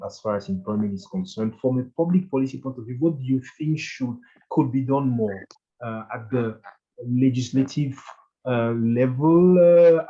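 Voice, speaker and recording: Guy hosting a panel, soft dark voice, stop-start questions, kinda muffled lo-fi audio. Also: medium pitch. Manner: hesitant, halting phrasing. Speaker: host, moderator. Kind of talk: interview moderating.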